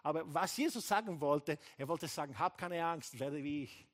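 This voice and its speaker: Guy pastor preaching a sermon, kinda high voice, really animated, acts out little dialogues, throws in english bits. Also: moderate pace. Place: church hall.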